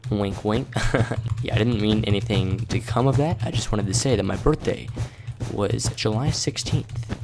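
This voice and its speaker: An eighteen-year-old man quietly commentating a game late at night in his bedroom, calling viewers "boys" and "dude". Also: lowish voice, moderate pace, gravelly, background noise. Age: 18, young adult. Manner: hushed and casual, calls viewers "boys" and "dude". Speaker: gaming YouTuber. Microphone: desk microphone turned up.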